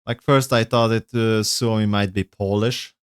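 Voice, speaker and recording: Male streamer, off-the-cuff reaction chat, rambling and self-correcting, smooth clear voice, dry close mic. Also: on the low side, fairly even intonation, moderate pace, dry recording. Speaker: streamer reacting to game lore. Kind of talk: casual livestream reaction chat.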